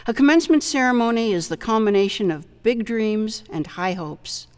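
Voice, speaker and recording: Woman addressing graduates, steady and formal, reverberant hall sound. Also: fairly high pitch, normal speed. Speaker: Board of Governors speaker. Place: indoor hall with banners, at a podium.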